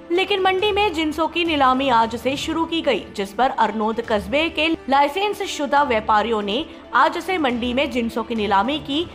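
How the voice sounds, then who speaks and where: A woman delivers scripted news narration as a reporter. Her voice sits high, and there is faint music behind her.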